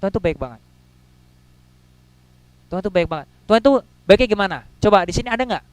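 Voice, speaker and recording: A man preaching in a high, smooth voice. He talks casually and slangily, jumping from loud bursts to quiet asides. The sound is dry and close. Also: expressive, fast, dry recording, rough recording. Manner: casual slangy preaching with acted-out quotes and sudden loud and soft swings. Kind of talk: sermon.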